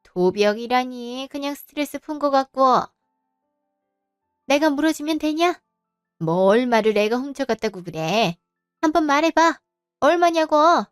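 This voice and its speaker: A woman's voice: high voice, lively intonation, measured pace, long pauses, dry recording, studio quality, soft background music. Woman playing a bullying, scornful mother-in-law. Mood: angry. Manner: scolding, contemptuous, talks down. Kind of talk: Korean audio drama acting.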